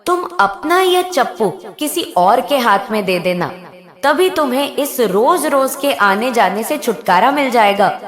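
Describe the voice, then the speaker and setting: Woman playing a young boy, earnest and eager, slow delivery, echoey room. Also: on the high side, lively intonation. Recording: roomy echo.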